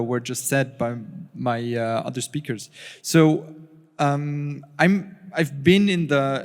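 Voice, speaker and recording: Man speaking in a reverberant hall. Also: on the high side. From Austria. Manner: halting, many fillers and restarts. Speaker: panelist, researcher. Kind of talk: conference panel talk. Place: conference hall. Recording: long reverb of a conference hall.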